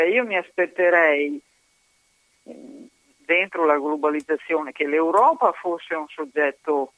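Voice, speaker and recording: A woman's voice: sits low, no echo. A woman from Padua phoning in to a radio show, making an earnest, hesitant argument with fillers and restarts. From Padua, Italy. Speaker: caller. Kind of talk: call-in commentary. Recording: tinny phone line.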